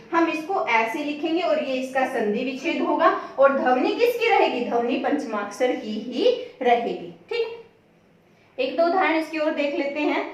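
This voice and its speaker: High-voiced woman teaching in an echoey room. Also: recorded from a distance. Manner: asks questions and answers them herself, repeats key words. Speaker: Hindi grammar teacher. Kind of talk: classroom-style lesson.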